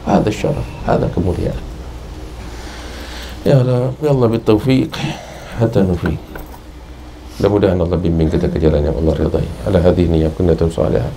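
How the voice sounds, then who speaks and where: An Indonesian-accented man preaches at a religious study class, with a mellow, relaxed tone and a lowish voice. He tells stories and climbs to emphatic high points. A faint hiss of background noise sits under the recording. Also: normal speed, pauses often, rough recording. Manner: storytelling, rising to emphatic peaks. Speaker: religious teacher. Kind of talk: Islamic study sermon.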